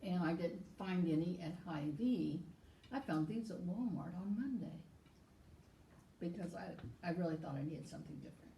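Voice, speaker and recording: A woman with a somewhat low voice hosts a cooking livestream with dry, teasing humor. She sits a little back from the microphone in an echoey kitchen, with faint noise behind her. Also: lively intonation, moderate pace, creaky, dark tone, distant mic. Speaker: cooking show host. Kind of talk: casual chat on a cooking livestream.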